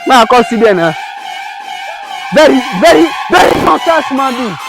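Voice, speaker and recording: A young man with a Nigerian Pidgin English accent, acting in a comedy skit and talking in a loud, quarrelsome way. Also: very high-pitched, very animated, normal speed, creaky, music in the background, a crowd in the background, rough recording.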